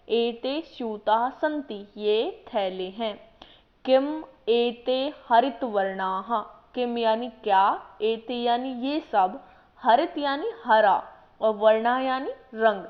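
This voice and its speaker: A woman teaching a language lesson who reads each word out and then explains what it means. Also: fairly high pitch. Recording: dull lo-fi voice-over.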